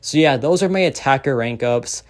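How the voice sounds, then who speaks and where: A man's voice: mid-range voice, animated, normal speed. Chatty young man hyping game picks. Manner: enthusiastic, heavy use of "like" and "so yeah". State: losing his voice. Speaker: gaming content creator. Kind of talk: casual game commentary.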